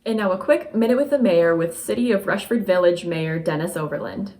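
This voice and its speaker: A woman's voice: fairly low pitch, brisk, a little mellow. A woman presenting community news in scripted narration.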